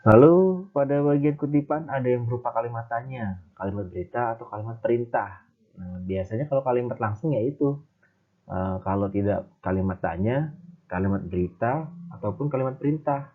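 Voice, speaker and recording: A man's voice: mid-range voice, fairly quick. Man teaching, tinny phone-like sound. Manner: explains step by step with frequent fillers. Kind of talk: classroom grammar lesson.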